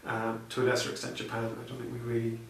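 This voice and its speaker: Heard in an echoey room through a distant mic with faint noise, a software researcher being interviewed speaks in a mid-range, monotone voice at a quick pace. His answers are hesitant and chatty, full of fillers and restarts.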